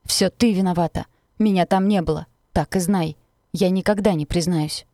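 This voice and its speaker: A woman's voice: on the low side, moderate pace, mellow, no room sound, clean studio sound, lightly acted. A woman reading the part of a bitter teenage boy in an audiobook who taunts and blames the girl he speaks to. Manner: taunting, venomous.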